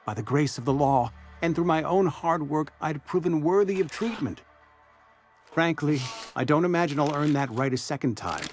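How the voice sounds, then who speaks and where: An actor playing a broke, world-weary barber in a video game, politely formal, apologetic and resigned. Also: male voice, on the high side, animated, moderate pace, faint music behind, lightly acted. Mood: weary, earnest. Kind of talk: video game character dialogue.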